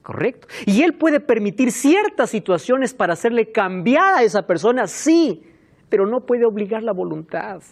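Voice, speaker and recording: A man preaching a sermon as pastor, emphatic and animated, turning aside now and then to call on helpers. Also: sits high, normal speed, vocal fry.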